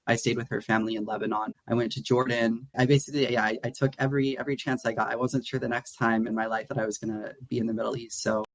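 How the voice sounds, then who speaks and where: A young man from Atlanta, USA, guests in a casual interview, rambling with frequent restarts and "like" fillers. He talks fast in a mid-range, level voice with hardly any pauses, and the recording is rough.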